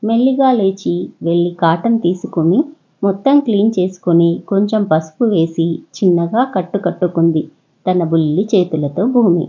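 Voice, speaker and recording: A woman narrates a children's story with a Telugu accent, in a steady, even manner. Her voice is husky and slightly breathy. The recording is a bit dull and lo-fi. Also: lowish voice, moderate pace.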